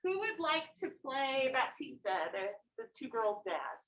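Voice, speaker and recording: A woman teaching a high school English class in an informal, conversational way, checking in with questions. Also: very animated, measured pace, a bit bright, dull audio. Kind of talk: classroom lesson to students. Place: classroom, voice picked up from a distance. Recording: distant classroom recording.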